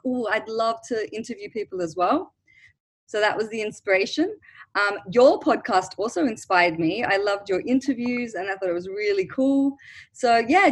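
Excited woman guest from australia chatting on a podcast over video call. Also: a little high, low-quality recording. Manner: bubbly and enthusiastic. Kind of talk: casual interview.

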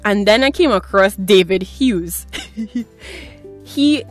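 Young woman in her twenties, solo podcaster, lively up-and-down voice, rambling and self-mocking, recorded in a home closet. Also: medium pitch, slow, soft background music. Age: 20s. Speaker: podcast host. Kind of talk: casual solo podcast chat. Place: small clothes closet at home.

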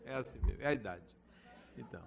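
A man's voice: mid-range voice, animated, fast talker, gravelly, slight background noise. An older man giving a spiritual talk, telling a family anecdote and acting out the dialogue. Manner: storytelling, acts out family dialogue.

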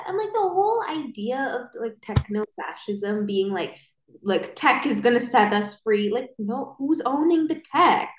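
A woman co-hosting a podcast, chatting casually in an opinionated, slangy, informal way. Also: mid-range voice. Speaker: podcast co-host.

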